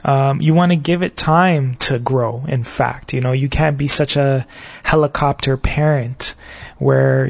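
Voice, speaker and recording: A man's voice: medium pitch, creaky. A man with a slightly scratchy voice hosting a casual solo podcast, talking in a rambling, reflective way and often asking "you know what I mean?". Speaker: podcast host.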